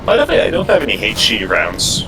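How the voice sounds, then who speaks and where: A man's voice: deep voice, monotone, fairly quick, gravelly, far from the mic, over music. A man grumbling about the match while playing an online game. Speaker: player on voice chat. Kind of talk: casual game chat.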